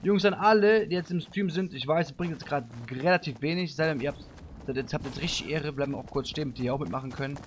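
A man live-streaming a game, chatting with viewers in street slang and giving them playful orders, breaking into loud shouts. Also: a little high, fast talker, noisy background. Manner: bossy playful commands to viewers; street slang, calls people bro. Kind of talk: live-stream gameplay chat.

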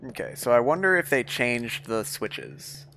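A man's voice: mid-range voice, huge pitch swings, measured pace, vocal fry, sharp tone, slight background noise. A man giving chatty live-stream commentary while playing a video game, talking to his viewers and his pet between moments of play.

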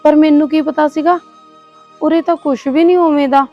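A woman's voice: high voice, steady tone, normal speed, dull audio, soft background music. A woman playing an anxious young bride. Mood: worried. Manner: soft, pleading and worried. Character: young new bride, anxious and put-upon. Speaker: actor. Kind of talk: village short-film acting.

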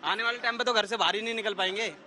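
A man's voice: high-pitched, steady tone, very fast, pushed and bright. A man stopped on the street for an interview, talking in a plain-spoken, complaining way. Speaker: passerby interviewed. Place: outdoors on a city street.

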